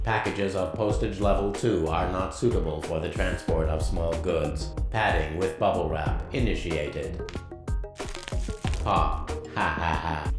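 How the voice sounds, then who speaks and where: A glitching low robot dispatcher. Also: male voice. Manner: flat machine announcements breaking into error loops and odd outbursts. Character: glitching postal dispatch machine, male, low-voiced. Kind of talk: video game character dialogue. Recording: roomy game audio with music. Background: game music.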